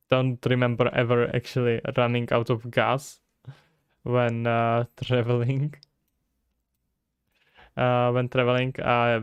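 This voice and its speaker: In a smooth, mid-range voice, a Czech-accented man livestreams his game development work, thinking aloud and answering chat in a relaxed way. He comes from the Czech Republic, and the recording is dry and studio quality.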